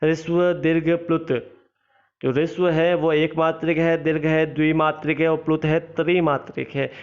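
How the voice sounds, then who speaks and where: A man's voice: a little high, little pitch movement, normal speed. A male teacher, explaining a grammar lesson and repeating each point as a question he then answers. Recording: slightly dull, lo-fi recording.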